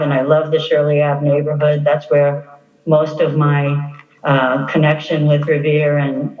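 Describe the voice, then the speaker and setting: A woman's voice: deep voice, a little mellow. Woman with heavy echo on a call. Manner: earnest, halting, with many ums and uhs. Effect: heavy echo on her call-in audio. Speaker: applicant for a city planning board. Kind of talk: remote spoken statement at a public meeting. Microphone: computer call-in. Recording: echoey, dull lo-fi call audio.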